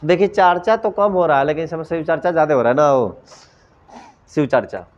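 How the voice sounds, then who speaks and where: A male teacher with a Bhojpuri-tinged Hindi accent gives a grammar lecture in class, his voice on the high side and fairly quick. He asks questions and answers them himself, slipping English phrases into his speech, and the lo-fi classroom recording sounds dull.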